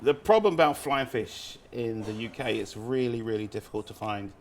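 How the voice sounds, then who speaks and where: A man's voice: medium pitch, normal speed, a little hiss or hum. A man from Barbados, casually explaining dishes as a street-food cook in a cooking demonstration. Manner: informal, explanatory.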